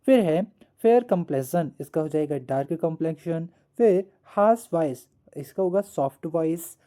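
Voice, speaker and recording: Dark-voiced woman teaching a lesson. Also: sits low, lively intonation. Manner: repeats words slowly, asks the class questions. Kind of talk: classroom lesson explanation.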